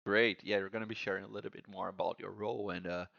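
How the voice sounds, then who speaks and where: A man's voice: low-pitched, fairly even intonation, fast talker, creaky, fairly bright tone, no echo, muffled recording. A man hosting a podcast, friendly and leaning on many "uh" fillers. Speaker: podcast host. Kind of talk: podcast interview.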